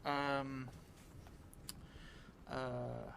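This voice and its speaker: Seated at a table in an indoor theatre room, a middle-aged man improvises a solo tabletop game, thinking aloud in a hesitant, musing way with long pauses. He's a solo role-player and streamer with a medium-pitched voice, and the recording is clear with steady background noise.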